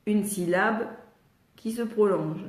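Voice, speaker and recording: An older French woman speaks in a slow, unhurried way, with a voice neither high nor low. She patiently sounds out letters and syllables, hesitates now and then, and her voice echoes in the room around her. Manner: reads viewers' questions aloud, frequent hesitations. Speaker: speech therapist answering live questions. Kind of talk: live Q&A teaching.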